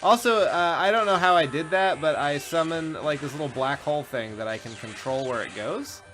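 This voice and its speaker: A man co-hosts a video game show and plays along, tossing out casual, informal commentary laced with swearing. His voice sits on the high side and moves fairly quickly, with game music in the background.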